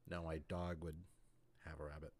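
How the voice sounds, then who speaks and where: A man with a very deep, low voice tells a rambling story over a podcast chat. He keeps circling back with fillers and "like" as he goes. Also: level tone, moderate pace, darkish tone. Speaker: podcast co-host.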